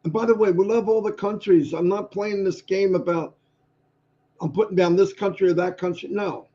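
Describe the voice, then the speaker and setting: An older man chats on a livestream in a chipper, rambling way, his voice a little hoarse. He has a mellow tone, and the stream audio is slightly muffled and lo-fi. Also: high-pitched, fairly even intonation, moderate pace. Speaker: livestream co-host. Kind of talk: casual livestream chat.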